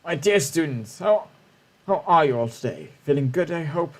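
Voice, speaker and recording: A man's voice: on the high side, expressive, normal speed, a bit bright, pitched above the performer's own voice. A man reading aloud the lines of a cheerful, jokey male language teacher from a game, in a playful lecturing manner.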